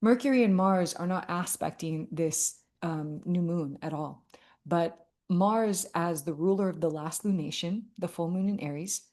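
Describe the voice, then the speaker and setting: Earnest woman, low-pitched, emotional vlog talk. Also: a little slow, darkish tone. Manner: earnest, emotional, many fillers and restarts. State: tearful at moments. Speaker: astrology vlogger. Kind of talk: heartfelt casual talk to camera.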